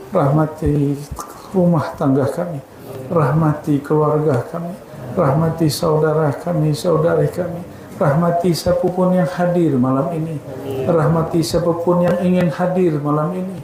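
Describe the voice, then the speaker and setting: A man's voice: fairly high pitch, darkish tone. A middle-aged man leading a fervent, pleading prayer with repeated invocations at a religious study evening. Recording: very echoey hall, faint ambience.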